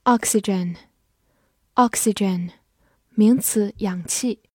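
A woman in gives a scripted vocabulary lesson at an unhurried, careful pace. She spells each word letter by letter and reads example sentences slowly. The recording is dry and close. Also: mid-range voice, a little mellow, no echo. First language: Chinese. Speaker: English vocabulary teacher.

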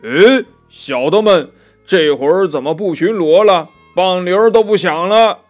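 A man's voice: sits high, sing-song, slow, muffled recording, pitched above the performer's own voice, exaggerated voice. A man voicing a boastful rhinoceros demon king who sneers and barks orders in a children's storybook reading. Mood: bossy. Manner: sneering, loud and scornful. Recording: faint music behind.

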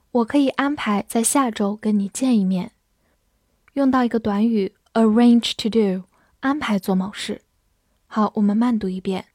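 A young woman teaching English vocabulary, spelling words letter by letter and reading example sentences slowly. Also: fairly high pitch, darkish tone, no echo, clean studio sound. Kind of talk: vocabulary lesson.

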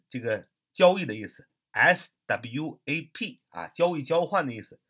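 Spelling out each word letter by letter and tossing in rhetorical questions, this man teaches English vocabulary in a lively, chatty style. His voice is a little high and fairly bright, with a breathy edge.

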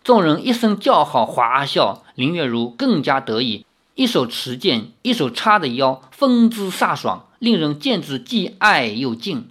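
A narrator reading a martial-arts novel aloud in an animated storytelling manner. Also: medium pitch, unhurried. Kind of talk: audiobook reading of a wuxia novel.

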